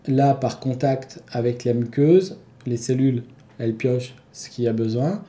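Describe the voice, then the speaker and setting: A man's voice: medium pitch, normal speed, mellow, reverberant. A male doctor as a radio guest, explaining patiently with small hesitations.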